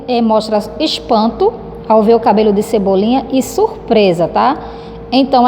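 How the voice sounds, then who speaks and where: Brazilian woman teacher, higher warm voice, affectionate, echoing room with faint hiss. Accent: Brazilian Portuguese. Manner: affectionate, keeps checking in with "tá?". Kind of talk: recorded lesson explaining a textbook. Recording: reverberant room with faint background noise.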